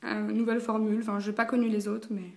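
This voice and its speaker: A woman's voice: mid-range voice, level tone, quick pace, gravelly. A young woman, chatting casually through a makeup review, full of fillers and slang. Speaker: beauty vlogger.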